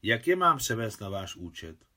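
A man's voice: fairly low pitch, big pitch swings, bright, forceful tone, full character voice. A man voicing a shy young bride in an audiobook, speaking hesitantly and with embarrassment.

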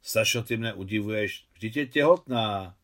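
A man reading an audiobook, voicing a calm, perceptive middle-aged woman who patiently explains things to her husband. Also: lowish voice, natural voice. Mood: explaining. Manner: patient, explaining, gently chiding.

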